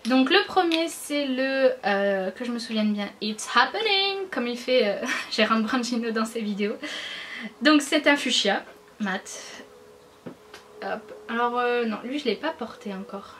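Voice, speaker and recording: A chatty woman beauty vlogger from France, talking through her haul in a slightly high voice. Her speech is casual and enthusiastic, full of fillers and restarts. There is a faint hiss of noise behind her. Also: a little slow, fairly bright tone. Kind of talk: casual haul video chat.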